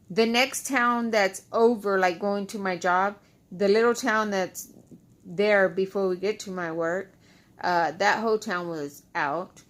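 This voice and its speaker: Here a female vlogger's voice sits at medium pitch with a fairly bright tone. In a casual storytime for her followers, recorded close to the mic, she sounds frustrated and repetitive, like someone whose loose dentures have no adhesive.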